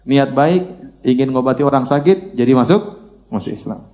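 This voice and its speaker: A middle-aged man preaching a sermon in storytelling style, shifting between loud exclamations and hushed quoted speech, laughing along with his audience. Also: medium pitch, moderate pace.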